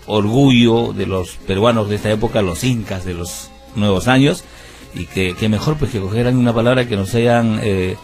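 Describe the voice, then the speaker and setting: Speaking at a medium pitch, a man from Peru with a Peruvian Spanish accent, a musician who founded a band, gives a sincere radio interview. He recounts his story at length, full of fillers and false starts.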